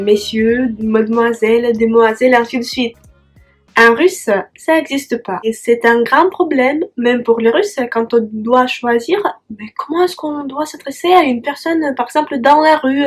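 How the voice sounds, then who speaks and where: A young woman with a Russian accent teaching a language lesson, patient and careful, drawing out each Russian word. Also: sits high.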